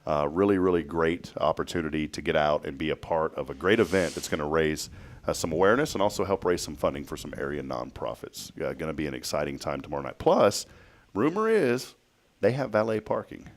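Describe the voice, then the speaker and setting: A man's voice: rumbling low, expressive, a little fast. A man hosting a casual morning talk show from a small studio, joking as he reads news items and quizzes his co-hosts. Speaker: host. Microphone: headset.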